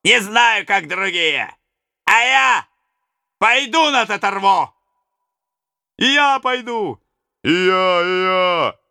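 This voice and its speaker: A man voicing a band of rough outlaws in an audiobook, crying out in high raised voices. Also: slow, bright, forceful tone, dry recording, clean studio sound, exaggerated voice. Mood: stirred. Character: band of rough Russian outlaws, men of mixed ages, rousing. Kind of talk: audiobook reading.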